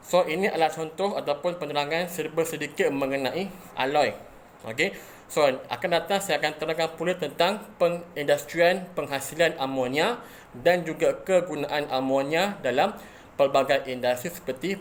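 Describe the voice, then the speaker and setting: A man's voice: on the high side, a little hiss or hum. A man with a Malaysian Malay accent teaching a chemistry lesson, starting almost every sentence with "okey" and asking and answering his own questions. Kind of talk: classroom lecture explaining chemistry.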